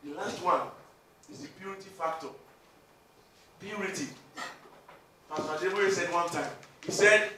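Booming Nigerian preacher in an echoey hall. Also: male voice, normal speed, long pauses, background noise. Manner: preaching with sudden shouted emphasis and dramatic quoted voices. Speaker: pastor. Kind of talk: sermon. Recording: echoey hall, speaker far from mic.

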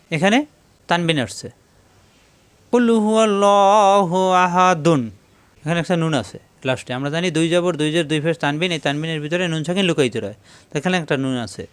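A patient man giving a Quran reading lesson with a smooth, clear, rather high voice. He spells each word out syllable by syllable and then recites it slowly. The sound is close and dry. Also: no room sound. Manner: patient, repeatedly tells listeners to pay attention. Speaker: Quran teacher.

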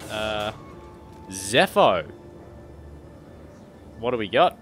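A young man casually commenting on his own game playthrough, chatty and quick to laugh. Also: on the low side, very animated, fairly bright tone. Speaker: gaming channel host. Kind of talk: casual let's-play commentary. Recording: game music underneath.

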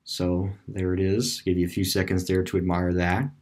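A man's voice: low-pitched, level tone, normal speed, darkish tone. A man giving rambling, casual voice-over commentary on a screen-recorded map tour, with many fillers and restarts. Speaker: video creator touring a closed store on street view.

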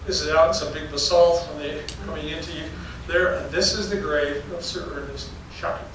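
Fairly quick, steady in tone, and a little high, the voice belongs to an older geology professor giving a public storytelling slide talk. He's folksy and anecdotal and chuckles between stories. A distant mic records him in a darkened, very echoey lecture hall with an audience and faint noise.

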